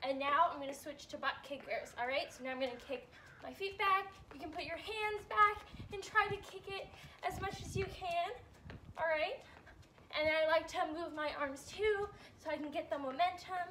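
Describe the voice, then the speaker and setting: A young woman teacher leading warm-ups and stretches for kids, upbeat and a bit out of breath, checking in often. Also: sits high, recorded from a distance, slight background noise. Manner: upbeat coaching, checks in with "all right?". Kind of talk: guided exercise instruction.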